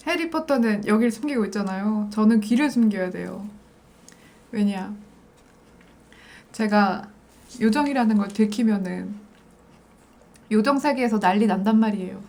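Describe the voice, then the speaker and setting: A woman's voice: mid-range voice, moderate pace, creaky, pauses often, a little mellow. A woman from South Korea chats casually and playfully to viewers as the host of an eating show. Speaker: mukbang host.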